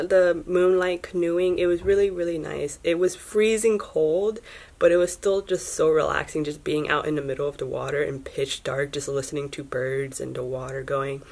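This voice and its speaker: A young woman vlogs casually from a small dorm room, chatty, self-deprecating, and often laughing. She films on a phone held at arm's length. Her voice is on the low side with a darkish tone.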